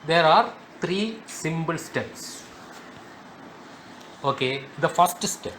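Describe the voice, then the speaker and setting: Slow, high-voiced man teaching grammar. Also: expressive, fairly bright tone, slight background noise. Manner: slow, emphatic, repeats key words. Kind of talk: spoken grammar lesson.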